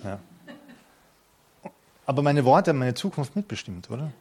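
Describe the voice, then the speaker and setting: A man's voice: mid-range voice, very animated, normal speed, a little mellow. A man in his fifties preaching an earnest, conversational sermon to a congregation, with touches of light humor. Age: 50s. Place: church hall before a congregation.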